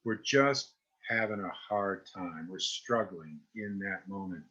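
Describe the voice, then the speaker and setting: A male mindfulness teacher talks his listeners through self-compassion in an easy, conversational way, often pausing to ask "right?" or "okay?". His voice is bright with a husky edge. The recording sounds a bit dull and lo-fi. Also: low-pitched. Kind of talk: guided self-help talk.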